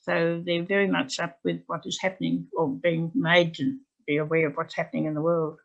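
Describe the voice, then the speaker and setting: Woman teacher, chatty and meandering, gravelly, dull lo-fi call audio. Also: on the low side, level tone, moderate pace. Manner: chatty, rambling, with fillers and restarts. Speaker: English language teacher presenting. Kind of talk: anecdotal presentation to teachers. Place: home.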